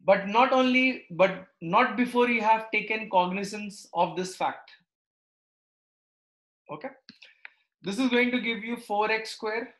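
A man's voice: high-pitched, a little slow, pauses often, fairly bright tone. A man teaching maths live, working through steps aloud and checking understanding with short questions. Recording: echoey, roomy sound.

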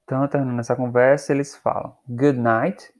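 Brazilian male English teacher, patient, clear explainer, medium pitch. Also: little pitch movement, darkish tone. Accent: Brazilian Portuguese. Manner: patient, explanatory, repeats checks with students; slows down to model English phrases. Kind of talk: recorded online lesson.

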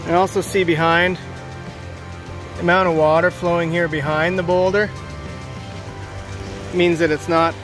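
A man giving a plain, practical walkthrough outdoors by a backyard stream, thinking aloud while filming on a handheld phone. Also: on the high side. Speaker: water feature installer. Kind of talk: walkthrough narration while inspecting. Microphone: handheld phone camera.

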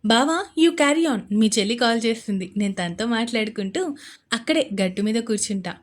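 A woman's voice: on the high side, expressive, normal speed. A woman voicing an anxious young man. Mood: casual. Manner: urgent, commanding.

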